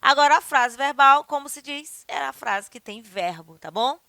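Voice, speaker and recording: A woman's voice: high voice, animated, normal speed, vocal fry, bright, forceful tone, no room sound. A woman teacher giving a recorded grammar lesson, explaining step by step, checking in with her listeners and acting out example sentences with changing intonation. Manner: explanatory, peppers speech with "né?" and "tá bom?".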